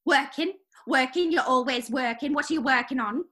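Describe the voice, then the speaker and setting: A woman's voice: sits high, normal speed, pushed and bright. A woman improvising a fed-up, scolding English wife in her mid-forties, with an English accent. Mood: indignant. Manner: scolding, sarcastic. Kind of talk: improvised comedy sketch.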